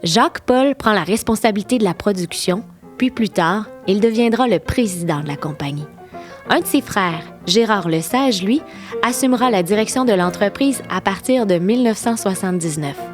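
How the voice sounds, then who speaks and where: A Québécois woman narrates a walking tour in a close-miked voice-over, pitched in the middle range. She sounds playful and enthusiastic, tossing teasing asides to her listeners, while faint music plays underneath. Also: animated, normal speed. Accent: Québécois French. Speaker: podcast host and tour guide.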